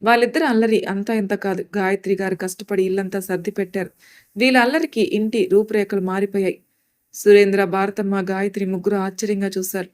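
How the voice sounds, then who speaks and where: A woman storyteller reads a serialized story aloud in steady, scripted narration. Her pitch sits in the middle of the range. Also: quick pace.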